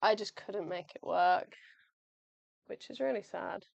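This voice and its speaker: A young woman at her home workspace packs shop orders while live-streaming, speaking at a measured pace in a medium-pitched, gravelly, slightly mellow voice on a dry recording. Her chat is friendly and casual, full of thinking aloud and apologies, as her voice wears down.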